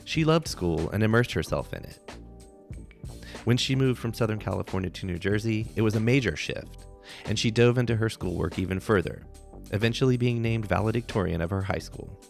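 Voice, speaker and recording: A man hosting a podcast, introducing a guest in measured narration and then interviewing her with brief murmured acknowledgments. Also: on the low side, creaky, soft background music. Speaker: podcast host.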